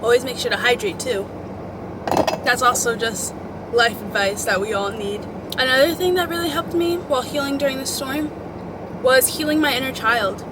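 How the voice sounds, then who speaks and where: A young woman with a high-sitting voice and moderate pace gives casual motivational chat to her audience amid heavy noise. Her style is emphatic and chatty, girl-talk between friends, complete with swearing and pet names.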